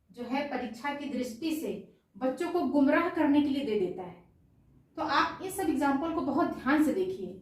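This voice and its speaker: A woman teaching an exam-prep grammar lesson who asks each question and answers it herself, repeating the answer. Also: high voice. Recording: very echoey room, distant mic.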